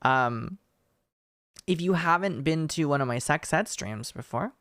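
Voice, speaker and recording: Streamer host, androgynous mid pitch, smooth clear voice, excitable rambling chat delivery, close dry mic. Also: measured pace, no echo. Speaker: livestream host. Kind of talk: casual livestream chat with viewers.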